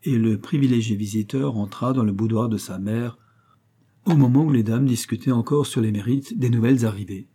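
A man narrating a novel in a measured, even reading. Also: medium pitch, slightly rough. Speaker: audiobook narrator. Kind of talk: scripted narration.

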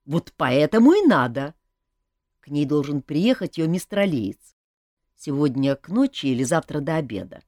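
A woman's voice: low-pitched, sing-song, moderate pace, mellow, no echo, studio quality. Woman voicing a touchy, blustering paladin. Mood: brisk. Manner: indignant, blustering. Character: hot-tempered male paladin, touchy and bluff. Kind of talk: audiobook reading.

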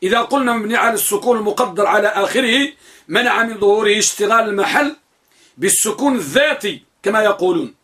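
Bright high-voiced grammar teacher. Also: male voice. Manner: explains step by step, asks and answers own questions. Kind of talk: classroom grammar lesson.

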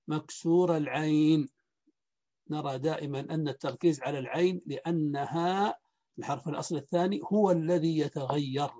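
A man teaching Arabic morphology in a lecture, speaking slowly and deliberately and repeating word patterns. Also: on the high side, mellow, lo-fi sound. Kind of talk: lecture explaining a grammar book.

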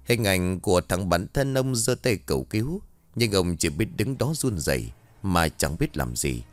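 A lower-pitched man reads a ghost story with lots of dramatic rise and fall. The recording is close and dry, with no room sound. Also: moderate pace, dry recording. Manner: dramatic, expressive reading. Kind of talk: scripted ghost story narration.

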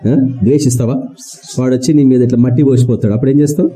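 A man's voice: mid-range voice, fairly even intonation, rapid-fire, crowd noise, low-quality recording. A man preaching a sermon to his congregation, firing rhetorical questions at them and repeating key words for emphasis. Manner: colloquial, mixes in English words.

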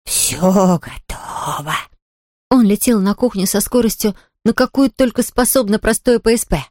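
A woman narrating a children's story aloud in a lively, expressive reading. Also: a little high, brisk, dry recording, clean studio sound. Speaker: audiobook reader.

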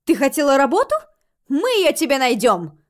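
A pushy middle-aged tavern keeper, all exclamations and command, as a woman reads her. Her voice rides high and loud, bossing the room around. It is a storybook reading. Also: big pitch swings, fairly quick. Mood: excited. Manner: exclaiming, bossy.

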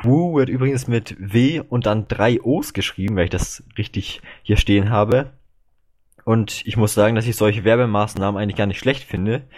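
A man's voice: fairly low pitch, a little mellow. A man co-hosting a casual fan podcast, chatty and opinionated, with a few hesitant restarts. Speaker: podcast co-host.

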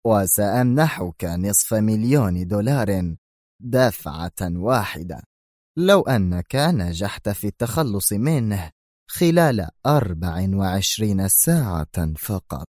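A man voicing an angry mafia boss in an audiobook, talking slowly and heavily and shouting his orders. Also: on the low side, sing-song, no room sound, studio quality. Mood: stern. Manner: shouting, slow and heavy. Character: furious Italian mafia boss, older man. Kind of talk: audiobook character voice.

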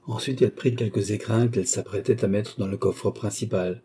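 Male narrator, audiobook reading, low voice, mellow dark tone. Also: brisk, husky. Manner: steady literary narration.

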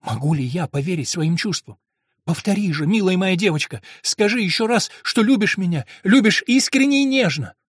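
A man voicing a passionate, brooding monk in an audiobook, speaking in a low, hushed and intense voice. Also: expressive, normal speed, breathy edge, no echo, clean studio sound. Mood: ardent. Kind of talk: audiobook reading.

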